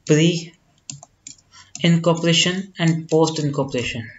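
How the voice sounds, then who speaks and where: A man with an Indian accent teaching accounts, working step by step through an exam problem and deliberately repeating phrases. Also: a little high, highs cut off, a little hiss or hum.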